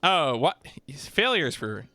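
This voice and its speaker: A man's voice: on the high side, very animated, a little slow, pushed and bright. A man streaming a game and chatting casually, rambling and playful as he plays.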